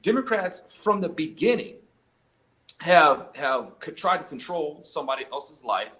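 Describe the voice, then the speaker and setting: An American man giving conversational commentary as an interview guest, haltingly, often repeating words as he starts a phrase. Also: a little high, very animated, sharp tone.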